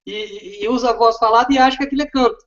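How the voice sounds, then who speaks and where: A man's voice: extremely high pitch, steady tone, rapid-fire. A man, an educator explaining literacy step by step and often checking with tag questions. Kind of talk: didactic explanation in conversation. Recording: dull lo-fi recording.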